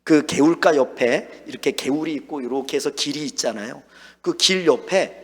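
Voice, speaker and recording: A man's voice: a little high, moderate pace, husky. Man preaching in a reverberant church. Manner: storytelling, acting out his own lines and shouts. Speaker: pastor. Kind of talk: sermon. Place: church sanctuary. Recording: long hall reverb.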